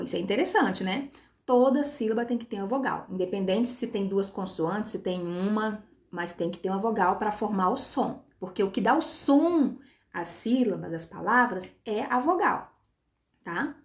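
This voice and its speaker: A woman teacher giving a recorded online lesson to young pupils, patient, spelling words out slowly and checking in with short tag questions. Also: mid-range voice, darkish tone. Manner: patient, stretches words syllable by syllable.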